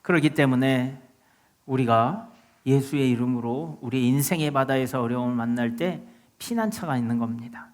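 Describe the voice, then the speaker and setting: A male pastor preaching a sermon, speaking conversationally and asking the congregation questions, then rising to loud exhortation. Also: mid-range voice, moderate pace. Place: church sanctuary.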